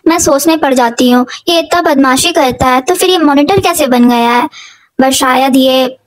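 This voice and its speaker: A young woman with a notably high voice tells her vlog in a casual voice-over. She is chatty and doting and keeps turning to her viewers as she talks. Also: moderate pace, low-quality recording. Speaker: vlogger, aunt narrating a child's birthday.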